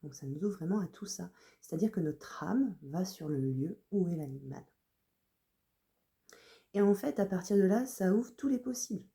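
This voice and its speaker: A woman with a low, gravelly voice and a very dark, mellow tone talks viewers through her work as an animal communicator. She speaks at an easy, unhurried pace, with plenty of pauses and verbal fillers. The delivery is informal and explanatory. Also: animated. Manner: unhurried, loose talk full of "voilà" and hesitations.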